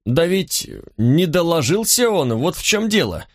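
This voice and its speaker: A man's voice: a little high, big pitch swings, measured pace, dry recording, pitched above the performer's own voice. A fussy middle-aged innkeeper, folksy and chattering, his voice lifted well above a plain speaking tone, as a man reading a storybook puts him on. The recording is dry and close. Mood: chatty.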